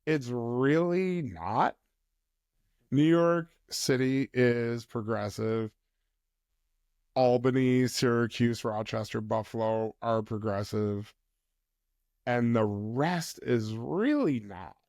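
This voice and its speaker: A man speaking as a mental health counsellor guest on a podcast, explaining in a measured way. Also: mid-range voice, darkish tone, no echo, clean studio sound. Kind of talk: podcast interview conversation.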